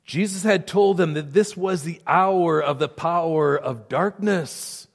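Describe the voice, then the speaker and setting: A man's voice: on the high side, a little slow, vocal fry. A man preaching a sermon as pastor, earnest and emphatic, often repeating words for stress. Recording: long reverb of a hall.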